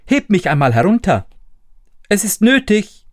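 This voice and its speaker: A man's voice: sing-song, measured pace, no room sound, clean studio sound. A piping cheeky thumb-sized boy. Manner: high, piping and shrill when shouting. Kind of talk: storybook reading.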